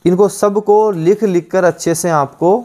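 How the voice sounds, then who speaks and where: A man's voice: high voice, fairly even intonation, measured pace, warm tone. A male teacher giving an online exam-prep lesson, drilling words by repeating each one several times.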